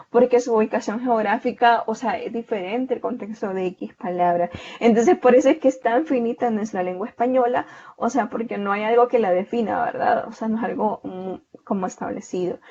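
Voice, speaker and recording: A woman gives an online lecture over a video call, and the audio comes through muffled and lo-fi. She speaks at an ordinary, middling pitch. She explains things casually and often breaks off to rephrase before going on. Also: a little mellow. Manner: conversational, leans on "o sea" fillers. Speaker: online course tutor.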